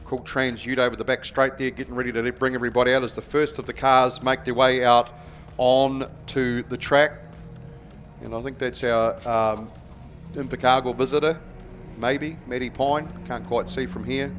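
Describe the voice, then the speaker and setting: A man's voice: medium pitch, flat delivery, moderate pace, a bit bright. New Zealand man announcing, music behind him. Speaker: speedway track announcer. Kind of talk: casual live event commentary.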